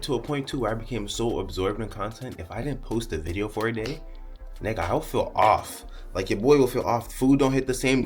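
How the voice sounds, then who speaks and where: A young man vlogging in a candid, profane ramble to camera, often smiling and half-laughing as he talks. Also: mid-range voice. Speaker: content creator. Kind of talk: casual candid monologue to camera.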